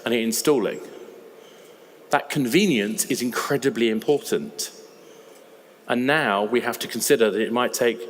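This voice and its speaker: A man with a slightly raspy voice, giving a conversational, emphatic conference talk. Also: lowish voice, slight background noise. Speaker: conference speaker. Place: large conference hall. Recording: reverberant hall with faint ambience.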